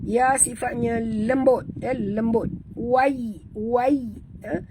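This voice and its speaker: Slow, methodical Malaysian woman teacher. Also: a little high, steady tone, warm tone, a little hiss or hum, low-quality recording. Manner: methodical, correcting pronunciation, chants verses in slow drawn-out tones. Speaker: Quran recitation teacher. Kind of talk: tajweed lesson.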